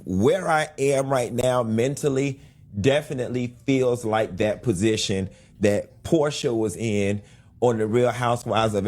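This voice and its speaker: A man earnestly explaining his side of a public dispute, now and then breaking into animated exclaimed asides. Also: medium pitch. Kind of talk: clip of a personal video statement.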